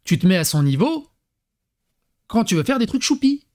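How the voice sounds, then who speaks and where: A man commenting comically on a parenting text he reads aloud, with animated, crude talk and mock acting mixed in. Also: sits high, moderate pace. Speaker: YouTube commentator.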